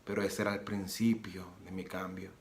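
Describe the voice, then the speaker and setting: A man's voice: low voice, flat delivery, moderate pace, a little hiss or hum. A man giving an earnest personal religious testimony, repeating phrases and acting out the dialogue as he retells it. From Nicaragua. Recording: roomy echo with soft guitar music.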